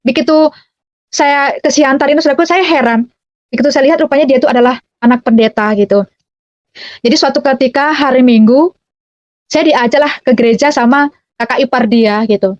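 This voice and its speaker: High-voiced woman sharing a testimony. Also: a little fast, long pauses, no room sound. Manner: chatty, ends phrases with "gitu", calls listeners "dear brothers and sisters". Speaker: testimony speaker. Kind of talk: personal faith testimony. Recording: dull, muffled dry recording.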